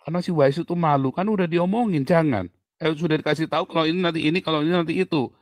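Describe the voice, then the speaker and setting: A middle-aged man preaching a sermon as pastor, lively and colloquial, jumping from loud exclaims to low asides, with playful sound effects. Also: very fast, dry recording.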